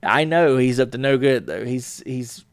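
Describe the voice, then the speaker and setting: With an expressive, smooth, mid-range voice at a moderate pace and no echo, a middle-aged man hosts a solo podcast. He shares a personal story warmly but ramblingly, self-correcting, restarting, and using frequent fillers.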